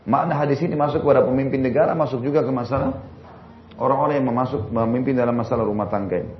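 A man preaches and answers religious questions in a jokey lecture packed with rhetorical questions, speaking rapid-fire at a medium pitch. The recording is dull, with faint crowd and noise.

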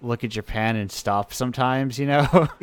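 A man hosts a casual radio show and talks with eager enthusiasm, circling back and restarting his sentences. His voice sits at an ordinary pitch and sounds dry and close, with no room around it. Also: animated, a little slow, darkish tone, clear, resonant tone, no room sound. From United States. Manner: rambling, enthusiastic, frequent restarts. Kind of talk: casual chat.

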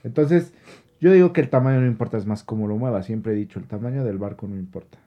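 A man's voice: on the low side, quick pace, dull audio. A young man with a Mexican Spanish accent, co-hosting a casual podcast chat. He jokes, laughs often and uses crude slang. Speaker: podcast co-host.

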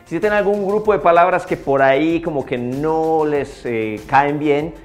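A man giving a casual video English lesson, upbeat and repeating words slowly for learners. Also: on the high side, soft background music. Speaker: English teacher.

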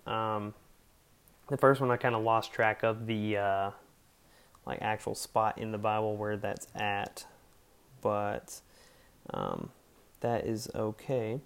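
A man's voice: on the low side, animated, takes it slowly, gravelly, pauses often, clear, resonant tone. A man hosting a casual faith podcast, talking in an earnest, rambling way with lots of fillers. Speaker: podcast host.

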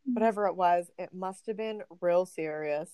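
A woman's voice: on the low side, moderate pace, warm tone, clear, resonant tone, dry recording. A woman co-hosting a podcast, chatting casually with short wry remarks. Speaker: podcast co-host. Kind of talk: casual chat.

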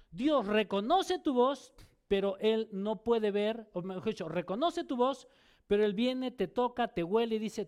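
A man's voice: high voice, darkish tone, clear, resonant tone. A man preaching a sermon, who often restarts and repeats words as he explains and asks his listeners rhetorical questions.

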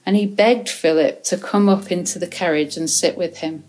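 A woman reading a Bible chapter aloud in a measured, even way, now and then correcting a word. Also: fairly low pitch, poor audio. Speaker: scripture reader.

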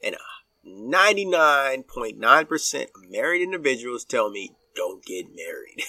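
Opinionated man, bright and off-mic. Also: medium pitch, sing-song, no echo, distant mic. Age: 40s. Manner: opinionated, halting with many fillers and restarts. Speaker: podcast guest. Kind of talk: casual podcast chat.

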